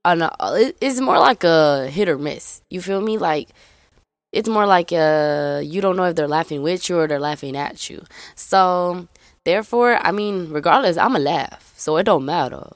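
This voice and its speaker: A young adult woman from Memphis, Tennessee, with a faded Southern accent and a lowish voice speaks at normal speed with lively intonation. Introducing her solo podcast, she rambles chattily and calls her listeners y'all, recorded dry with clean studio sound.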